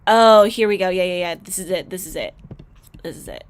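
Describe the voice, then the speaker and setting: A woman's voice: on the low side, fairly quick, slight background noise. Chatty woman reacting to a video. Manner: chatty and reflective, with many fillers; gets loud and emphatic when frustrated. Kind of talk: casual reaction commentary.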